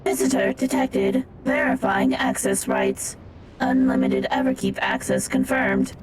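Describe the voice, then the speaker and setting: An actress voicing a stiff robotic sentry machine through a robot voice filter, speaking in clipped, flat announcements. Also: female voice, rumbling low, a little slow, distant mic, background noise, heavily acted. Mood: announcing.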